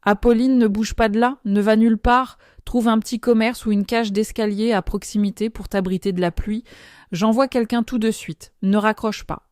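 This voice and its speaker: A woman voicing a furious, commanding middle-aged father with a deep voice, giving firm, clipped orders in a storybook narration. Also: takes it slowly, mellow, clear, resonant tone, dry recording, clean studio sound.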